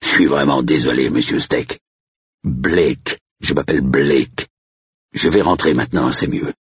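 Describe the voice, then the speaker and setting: An elderly English butler, polite and formal, his voice quavering and pushed higher than a deep raspy base, as a male narrator puts him on. He sounds nervous and stiff. The recording is dull and dry. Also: unhurried, dry recording, heavily acted. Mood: timid.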